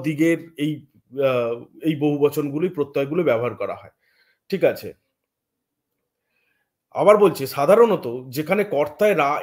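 A man's voice: a little high, a little mellow. A Bengali man lecturing as a teacher, explaining step by step and checking in with his listeners often. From West Bengal. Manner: explains step by step, frequent "thik ache" check-ins. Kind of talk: academic lecture.

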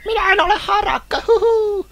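A man putting on a shrill, squeaky voice for a small digital creature that hoots and squeals. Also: creaky, noisy background. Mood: silly. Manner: squealing, hooting. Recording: loud game music behind.

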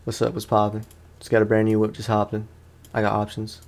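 He talks fairly quickly in a lowish, creaky, slightly mellow monotone. A let's play streamer, he gives laid-back commentary full of slang, aimed partly at himself and partly at his opponent in the game.

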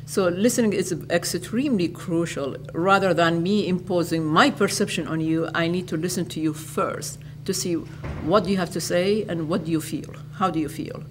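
An older woman from Iraq, an educator giving interview answers in a lecture hall, speaking in a measured way and restating her phrases. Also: lowish voice, a little hiss or hum.

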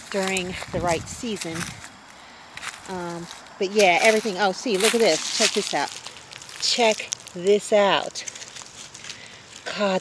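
A woman's voice: medium pitch, background noise. Chatty woman on an outdoor phone walk. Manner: chatty, wondering aloud, easily delighted. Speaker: vlogger. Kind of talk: casual walk-and-talk vlog. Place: outdoors in woods and fields. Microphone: handheld phone camera.

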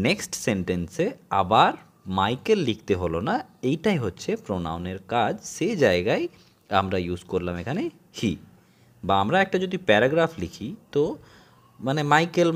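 A man teaching a grammar lesson, keeps checking in with a rising question and reads English examples out slowly. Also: mid-range voice. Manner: keeps asking "ঠিক আছে?" in a rising tone.

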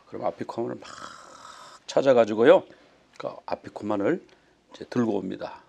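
A man's voice: fairly low pitch, gravelly, a little mellow. A male pastor teaching a sermon, telling the story with frequent rhetorical questions. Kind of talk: sermon teaching on a Passover meal.

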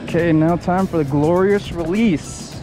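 A young man, chatting casually and excitedly while fishing from rocks at a park pond, rambling through explanations with lots of fillers. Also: a little high, unhurried, music in the background. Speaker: fishing vlogger. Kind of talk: casual outdoor fishing vlog. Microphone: head-mounted action camera.

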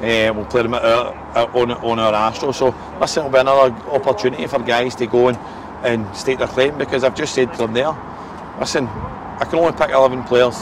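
Beside a football pitch, a Scottish man in his forties, the team's manager, speaks frankly and repetitively in a post-match interview, filling gaps with "eh" and "listen." He keeps a steady tone in a mid-range voice and talks briskly, with outdoor noise and passing traffic around him.

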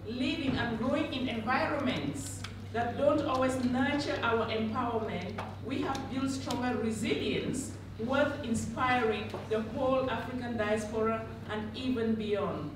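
A woman's voice: a little high, background noise. A woman hosting a summit session, introducing the next speaker and reading her biography from a booklet with a few fillers. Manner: reads a prepared biography with fillers. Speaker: event host introducing a speaker. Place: large conference room with audience. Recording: echoey hall, captured from far.

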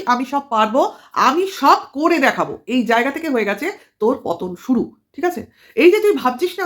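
A woman vlogger giving a scolding, mocking commentary full of rhetorical questions. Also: sits high. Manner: scolding and mocking, addresses rival as tui. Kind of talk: commentary vlog.

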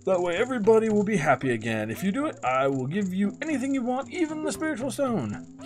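A man voicing the gruff, hulking chief of a rock-eating people in a video game, reading his lines aloud. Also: sits high, big pitch swings, fast talker, faint music behind, pitched above the performer's own voice. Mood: generous.

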